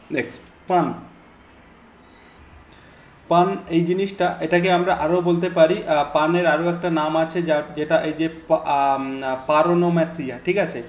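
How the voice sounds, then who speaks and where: Echoey man tutoring. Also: on the high side. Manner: patient, repeats points, many fillers. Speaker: English exam tutor. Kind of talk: explanatory lesson. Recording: echoey room, faint hiss.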